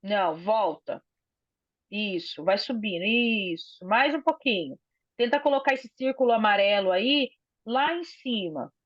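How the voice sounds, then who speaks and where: Teaching an online class over a video call from her phone, a woman explains things patiently and often ends her points with a question. Her medium-pitched voice is expressive and measured in pace, and the audio is dull, lo-fi, and dry.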